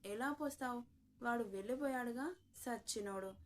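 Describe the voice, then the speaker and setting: A woman's voice: on the high side, normal speed, natural voice. A woman doing tipsy, eager young Neha.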